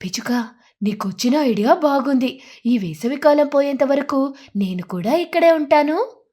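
A woman voicing a friendly pigeon in an animated story, speaking in a hushed, breathy way. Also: high-pitched, normal speed. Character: friendly pigeon asking to stay.

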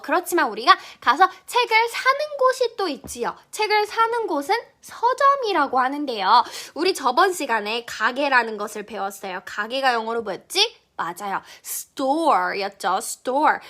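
A young woman teaching English pronunciation to children, cheerful and encouraging, saying model words slowly for them to repeat. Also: high-pitched, pushed and bright. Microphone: phone or camera close up, vertical video.

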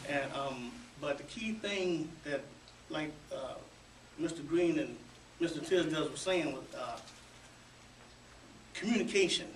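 Higher-voiced male veteran, candid and plain. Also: a little slow, long pauses. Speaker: retired Iraq veteran panelist. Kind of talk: radio roundtable talk. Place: small radio studio. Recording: roomy, distant camera audio with faint noise.

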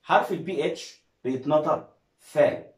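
A man's voice: a little high, moderate pace. Egyptian man teaching in an echoey room. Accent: Egyptian Arabic. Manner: coaxing, quizzes viewers and praises them. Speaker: English teacher. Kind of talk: classroom-style video lesson.

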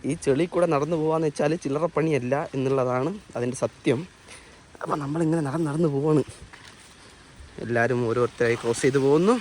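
A man's voice: mid-range voice, brisk, darkish tone. A Malayali man doing casual walking commentary for a vlog outdoors, mixing English slang into his Malayalam, with heavy noise. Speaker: vlogger. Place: outdoors on a muddy, rainy trail. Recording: very noisy, windy outdoor recording.

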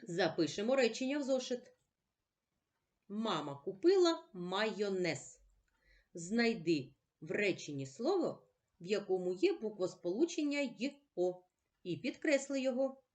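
A woman teacher giving a slow, patient reading lesson for children, asking questions and answering them herself. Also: medium pitch, big pitch swings, darkish tone. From Ukraine.

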